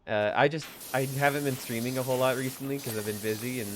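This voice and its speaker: A man's voice: medium pitch, steady tone, fast talker, background noise. A young man from Colorado chatting casually on a live stream, laughing easily and answering his chat. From Colorado, USA.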